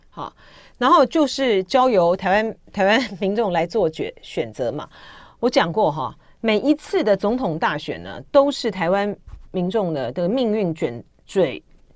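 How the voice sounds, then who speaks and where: A woman's voice: medium pitch, dry recording. A woman with a Taiwanese Mandarin accent hosting talk radio, giving emphatic political commentary and tagging her sentences with a chatty "ha.". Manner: animated, emphatic, tags sentences with "ha". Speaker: radio talk show host. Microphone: studio microphone.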